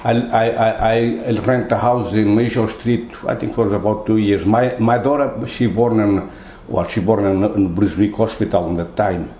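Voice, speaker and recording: An older man from Portugal with a Portuguese accent, telling his story in an interview in halting, broken English with many repeated words. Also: on the low side, fairly even intonation, warm tone, reverberant, a little hiss or hum, low-quality recording. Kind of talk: oral history interview.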